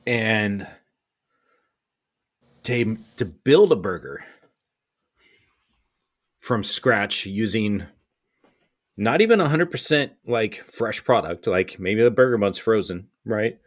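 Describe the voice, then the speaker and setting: Lowish guy venting in a casual chat, blunt, fed up, swears a bit. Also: expressive, takes it slowly, long pauses. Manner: blunt, exasperated ranting with profanity.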